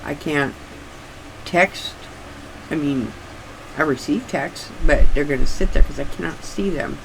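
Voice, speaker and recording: An older woman chatting casually and haltingly, with slightly restricted articulation, as if her sore jaw won't open wide. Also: low voice, gravelly, noisy background. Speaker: craft vlogger. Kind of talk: casual rambling chat.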